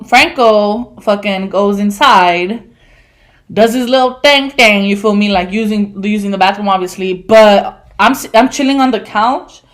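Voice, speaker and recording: A woman in her twenties telling stories on a casual podcast, animated, laughing and swearing, with lots of fillers. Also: medium pitch. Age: 20s. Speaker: podcast co-host. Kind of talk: casual storytelling chat.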